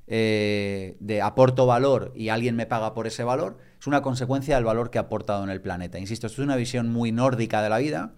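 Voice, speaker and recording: A man's voice: mid-range voice, quick pace, few pauses, darkish tone, clear, resonant tone. A man, a podcast guest talking reflectively and with emphasis in a conversational way.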